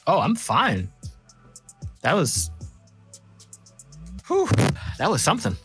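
Male tabletop player, easygoing, very lively intonation. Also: fairly high pitch, slow, faint music behind. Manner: easygoing, short replies. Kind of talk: casual chat, role-playing his character.

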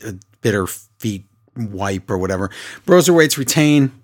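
A middle-aged man co-hosting a podcast, recapping shows in casual chat in an animated, jokey way. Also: lowish voice, moderate pace. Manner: animated, jokey, acts out quotes. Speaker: podcast co-host.

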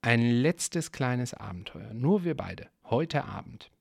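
A man reading aloud and voicing a mischievous young prince in his twenties who loves breaking rules, in a hushed, teasing tone. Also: mid-range voice, sing-song, slow pace, gravelly, husky, no echo, clean studio sound, exaggerated voice.

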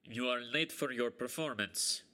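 A stern, needling servant speaks through a pinched, plugged nose, as a man puts on the disguise during a tabletop game. The disguised voice is nasal but keeps a bright, forceful edge, accusing and cold in tone. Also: mid-range voice, moderate pace. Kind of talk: tabletop roleplay, in-character voice.

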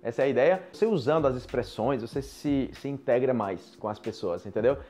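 Over soft background music, a Brazilian man teaches Portuguese to foreigners in a Brazilian Portuguese accent, his mid-range voice brisk and warm. The casual monologue is chatty and repetitive, addressed straight to the viewers.

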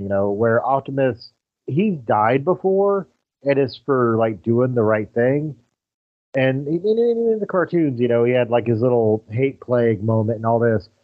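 Male podcaster, average pitch, tentative casual explainer, slightly dull recording. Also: no room sound. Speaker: podcast co-host. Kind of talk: casual fan discussion. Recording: close, dry, slightly dull audio.

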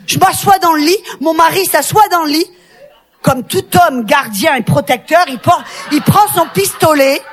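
High-voiced, impassioned woman preacher. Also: normal speed, faint music behind. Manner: impassioned storytelling with shouted, sung-out peaks; addresses a women's audience directly. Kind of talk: sermon.

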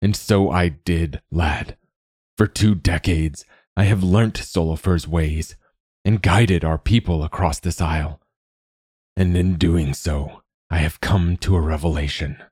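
A man voicing a gentle, wise older male guide who speaks slowly and in a fatherly way. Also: deep voice, husky, no room sound, studio quality. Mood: solemn. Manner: slow, fatherly, calls the youth lad.

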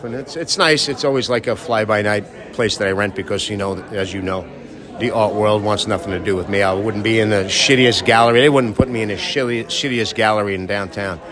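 A man's voice: fairly low pitch, brisk. A man talking in a brash, boastful, profane way, interviewed at a busy event. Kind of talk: casual interview. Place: hotel event, crowd around. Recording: crowd noise behind. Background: crowd chatter.

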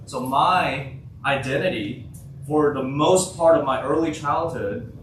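A South Korean man in his twenties, a native Korean speaker, gives a casual, conversational talk at a youth workshop, frequently putting questions to the audience. His voice is medium in pitch, with slight hiss or hum, and sounds distant in an echoey hall.

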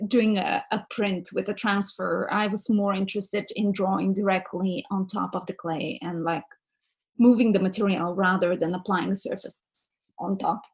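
A woman's voice: mid-range voice, slightly rough. A woman in her forties from Bulgaria, speaking with a Bulgarian accent as a ceramics teacher interviewed on a podcast. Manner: thoughtful, speaks with some fillers.

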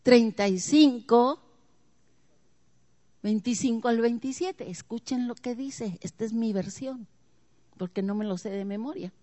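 Slow-speaking, dramatic woman preacher. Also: a little high. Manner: dramatic, swings from hushed to loud; asks the audience questions. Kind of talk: sermon.

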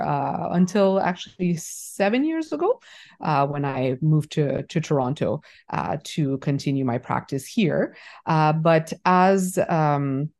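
A middle-aged woman from Haiti, a fertility doctor, speaks as a podcast guest in a thoughtful, halting way with frequent restarts. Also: low voice, a little mellow. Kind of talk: conversational interview.

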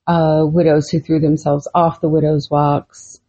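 A woman's voice: sits low, level tone, unhurried, dark tone. A middle-aged woman co-hosting a podcast, chatting casually and retelling a friend's spooky story with easy laughs. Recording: muffled lo-fi podcast audio.

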